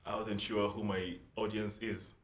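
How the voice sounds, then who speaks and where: A young man from South Sudan with a lowish voice talks easily about his music, wandering through his thoughts with plenty of "like" and "you know". The room is echoey, with a faint hiss under the voice. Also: a little slow. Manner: relaxed, rambling, often restarts with "like" and "you know". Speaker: musician guest. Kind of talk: casual interview talk.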